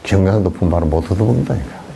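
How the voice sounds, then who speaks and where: A middle-aged male monk preaches in a relaxed, folksy way, his fairly high voice rising and falling a great deal. He slips into storytelling and plays out the characters as he goes. A faint hiss sits beneath the recording. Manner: folksy storytelling, acting out beggars' songs and dialect. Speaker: Buddhist monk giving a dharma talk. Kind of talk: casual sermon.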